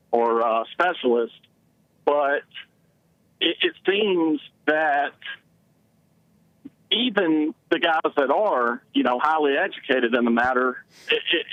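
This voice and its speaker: A man with an Alabama Southern accent calling a show to discuss politics in a halting, wordy way. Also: a little high, no echo. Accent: Alabama Southern American. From Alabama, United States. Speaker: first-time caller. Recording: muffled phone call.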